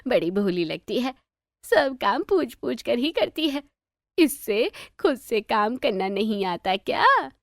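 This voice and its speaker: A woman's voice: a little high, very animated, slow, dry recording, clean studio sound, exaggerated voice. A woman voicing a meddling, gossipy middle-aged neighbour aunty in a cartoon story, teasing in tone.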